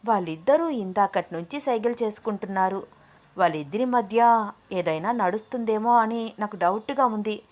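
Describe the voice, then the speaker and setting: A woman's voice: medium pitch, moderate pace, lightly acted. A woman voicing a playful, cheeky young woman with a teasing, bubbly way of talking.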